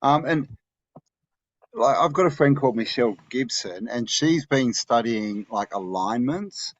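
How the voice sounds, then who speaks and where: Male host, mid pitch, stumbling casual questions, muffled dry line. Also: expressive, dry recording. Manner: halting, filler-heavy questions. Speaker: podcast host. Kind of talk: casual interview talk.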